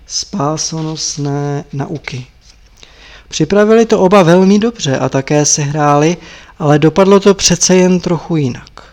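A man narrating a story as an audiobook reader in a measured, even way. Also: a little high.

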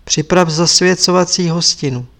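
A man's voice: sits high, bright, forceful tone. A man voicing a stern, wise old male lama teacher, speaking in a grave, instructive way as he reads a story aloud. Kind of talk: audiobook character reading.

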